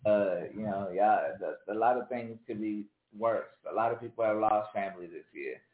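A man's voice: lowish voice, moderate pace. A man co-hosting a casual chat among fellow truck drivers. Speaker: podcast co-host, truck driver. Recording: roomy, narrow lo-fi sound.

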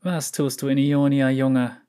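A man's voice: mid-range voice, level tone, measured pace, warm tone, clear, resonant tone, lightly acted. A man reading an audiobook story, voicing a hostile female veteran soldier who hisses threats. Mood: threatening. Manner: hissing and threatening.

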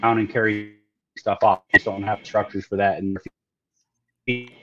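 A man from South America, a guest on a remote call, explaining things in a measured way with many fillers while his call audio breaks up and freezes. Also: lowish voice, steady tone, bright, forceful tone. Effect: online call audio breaking up and freezing. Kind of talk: casual explanatory chat. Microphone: remote video call. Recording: dull lo-fi call line, breaking up.

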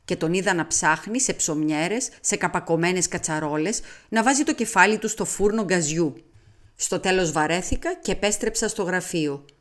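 A woman reading a detective novel aloud as an audiobook, in a measured, expressive way. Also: fairly low pitch. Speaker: audiobook reader. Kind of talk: audiobook narration.

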